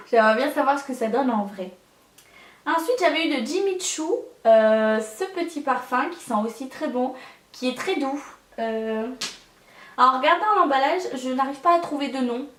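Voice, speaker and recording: A woman's voice: high voice, expressive, moderate pace, fairly bright tone, roomy sound, recorded from a distance. A young woman chatting in a casual vlog, hesitant and full of fillers as she shows her collection. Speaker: beauty vlogger.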